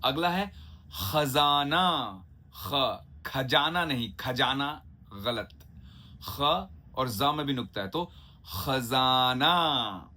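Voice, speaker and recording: A man's voice: medium pitch, animated, bright, forceful tone. A man giving a Hindi diction lesson, stretching out each example word and checking in with his listeners. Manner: drawn-out, carefully enunciated example words; chatty, asks listeners "ठीक है?" and "है ना?". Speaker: diction teacher.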